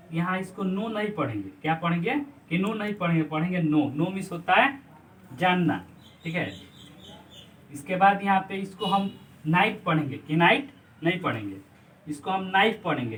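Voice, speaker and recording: A man's voice: a little high, a bit bright. A man teaching English pronunciation in Hindi, spelling words letter by letter and asking repeated quiz questions. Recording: slightly distant mic, faint background noise.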